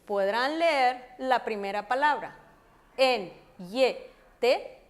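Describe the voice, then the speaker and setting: A woman's voice: on the high side, slow. A woman teaching a language lesson to an audience at a book launch, spelling out letters and repeating each word. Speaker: teacher and author. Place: event room with an audience.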